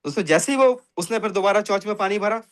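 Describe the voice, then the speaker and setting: Man, high voice, motivational talk, emphatic, repeats catchphrases, video call. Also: fast. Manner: emphatic, repeats catchphrases, addresses audience as friends. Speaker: motivational speaker in an online finance meeting.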